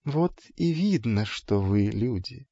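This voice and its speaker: A man voicing a calm, sly trickster god in disguise who speaks in a hushed, unhurried, teasing way. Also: on the low side, dry recording, muffled recording, full character voice. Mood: quiet, wise.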